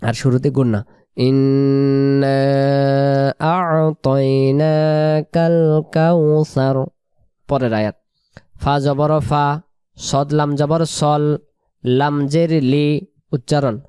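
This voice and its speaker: A man teaching Quran pronunciation, spelling out letters and vowels one by one and repeating each word slowly. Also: fairly high pitch, steady tone, a little mellow, smooth, dry recording, clean studio sound.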